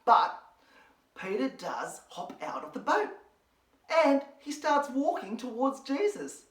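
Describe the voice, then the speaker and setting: Lively Australian woman, kids' church presenter, animated storytelling, echoey room. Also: sits high, slow. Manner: animated, expressive, speaks to her dog. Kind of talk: children's Bible storytelling. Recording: roomy, from a distance.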